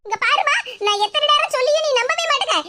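Brief: high, bright defensive young woman in a cartoon, voiced by a woman, Kanyakumari Tamil accent, faint hiss. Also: expressive, fast talker. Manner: pleading, defensive. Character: young woman college student, defensive daughter. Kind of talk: cartoon comedy dub.

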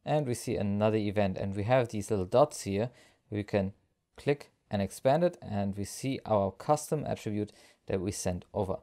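This is a man with a fairly low voice and a moderate pace, guiding viewers through a software screencast as an instructor. He walks through it step by step, describing every action as he goes.

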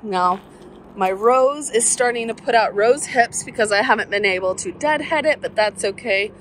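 Speaking at a normal speed in a slightly high voice, this southern Alabama woman vlogs casually while walking her garden, phone held out at arm's length. Her manner is cheerful and chatty with folksy side remarks. There's a little hiss or hum, plus faint outdoor sounds and helicopters passing overhead.

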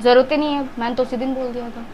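A young woman vlogging, answering her partner with indignant, sharp retorts in an argument. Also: high voice, steady tone, rapid-fire, muffled recording, slight background noise. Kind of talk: angry couple argument vlog.

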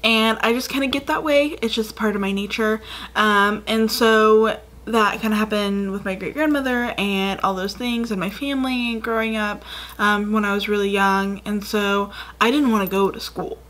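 A woman's voice: medium pitch, steady tone, normal speed, a bit bright. A woman in her twenties telling childhood stories in a chatty, rambling vlog, with lots of fillers, recorded indoors facing the camera. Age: 20s. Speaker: YouTuber. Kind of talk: casual storytelling vlog. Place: dim room indoors.

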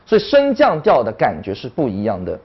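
Lively woman teaching an online English class. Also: very deep voice, fairly quick, breathy edge, dull audio. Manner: animated, demonstrating tones by voice.

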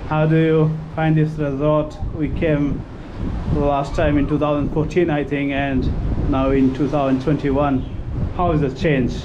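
A man's voice: fairly high pitch, unhurried, dull audio, background noise. Man touring a seaside resort. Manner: relaxed, pointing things out, mixing English and Hindi. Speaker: travel vlogger. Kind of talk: casual resort tour narration.

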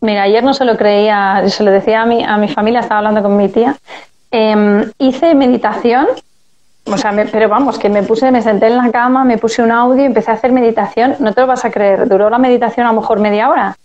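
A woman's voice: on the high side, steady tone, a little fast, a little mellow, highs cut off. A woman speaking as a parenting guest in a casual live chat, telling anecdotes and acting out family dialogue.

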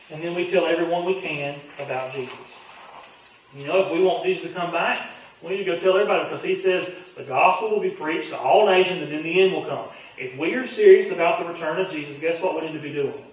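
A pastor teaches a Bible class in a church sanctuary, speaking fast and conversationally and often repeating how he starts his sentences. His slightly high voice sounds far from the microphone, the big room echoes heavily, and there's a little background noise.

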